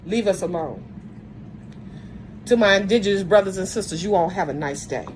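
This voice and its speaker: Medium pitch, normal speed and a darkish tone mark this woman's voice, heard through slight background noise on a rough recording. She's a video commentator ranting angrily at the camera, blunt and confrontational, often stumbling and restarting mid-sentence, and she says she has a strong voice.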